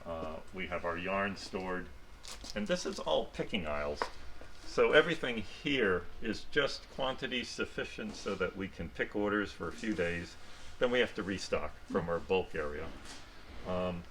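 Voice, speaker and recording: Low-voiced man amid clear warehouse noise. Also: animated, normal speed, fairly bright tone. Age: middle-aged. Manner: speaking through a face mask. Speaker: company representative giving a warehouse tour. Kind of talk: informal guided tour. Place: large indoor warehouse. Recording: noisy warehouse ambience.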